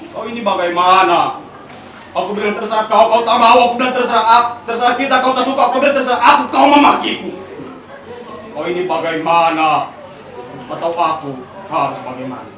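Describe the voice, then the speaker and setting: A man giving a dramatic poetry recitation at a contest, emphatic and rhetorical, swinging between loud lines and hushed questions. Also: sits high, fairly quick. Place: large hall at a contest. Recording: echoey hall from far off with crowd.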